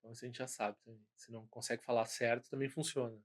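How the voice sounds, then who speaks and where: A man's voice: mid-range voice, level tone, very fast. Brazilian male Buddhist teacher, informal lesson, rambling delivery, frequent self-corrections and tag questions. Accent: Brazilian Portuguese. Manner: rambling, many restarts and "né?" tags.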